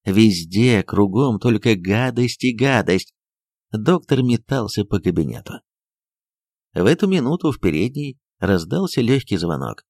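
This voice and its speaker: A man narrating a novel as an audiobook, reading in an expressive, dramatic storytelling manner. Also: fairly low pitch, a little slow, no echo, studio quality.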